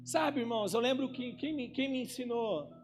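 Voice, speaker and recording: High-voiced Brazilian pastor preaching. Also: male voice, moderate pace, soft background music. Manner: preaching with wide swings in loudness and pitch, quoting himself and God in conversation. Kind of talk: sermon. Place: church.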